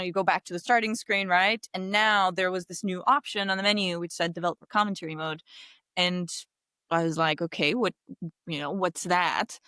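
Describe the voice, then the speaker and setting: The podcast guest, a game designer in her thirties from Kosovo with Albanian as her first language, has a lowish, fairly bright voice on a dry recording. Her interview chat is casual and reflective, peppered with "like" and "right?".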